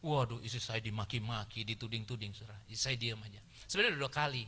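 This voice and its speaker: A middle-aged man preaching a sermon as pastor, animated, moving between hushed asides and loud exclamations. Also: lowish voice, quick pace, a little hiss or hum. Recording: reverberant church hall.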